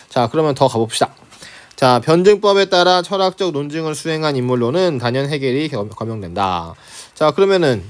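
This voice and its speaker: A man teaching reading comprehension for exams in a lecture, often checking in with rhetorical questions. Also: on the high side. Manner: lively, frequent rhetorical questions and "자, 그죠?" check-ins. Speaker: Korean language teacher. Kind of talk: exam-prep lecture.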